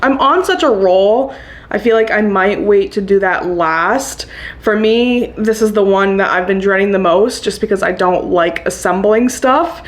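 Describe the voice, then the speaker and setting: A young woman vlogging casually about her houseplant chores, chatty and upbeat, laughing often. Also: medium pitch. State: hiccuping. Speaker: plant vlogger. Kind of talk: casual chat to camera.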